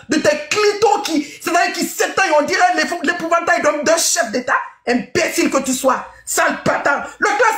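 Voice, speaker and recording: A woman hosting a live stream, shouting scornful insults with mocking laughs. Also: high-pitched, echoey room.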